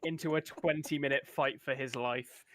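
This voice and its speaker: A man's voice: medium pitch, fairly even intonation, normal speed, fairly bright tone. Man, tabletop player; chatty, laughs easily, casual narration. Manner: laughing, chatty, narrates his character's actions.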